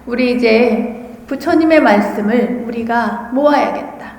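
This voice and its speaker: A woman's voice: fairly high pitch, measured pace, a little mellow. A woman voicing a worried elder male monk who earnestly thinks about how to lead the community. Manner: anxious, earnest deliberation. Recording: echoey large dharma hall.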